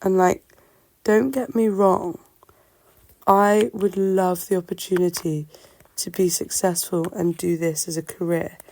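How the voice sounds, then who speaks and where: A woman talking casually and reflectively to her listeners, musing in a halting way, her voice affected by a sore throat. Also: lowish voice, steady tone, vocal fry, darkish tone, no echo. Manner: halting, musing, self-questioning. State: sore-throated, unwell-sounding voice. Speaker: solo host of a personal talk show.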